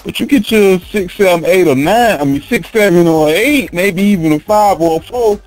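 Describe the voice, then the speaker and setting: A man hosting a loose, profane podcast conversation, his voice sitting a bit high for a man and swinging widely in pitch as he rambles. He pushes his points hard and laughs along with them. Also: animated, normal speed, faint music behind. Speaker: podcast host. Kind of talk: casual podcast chat.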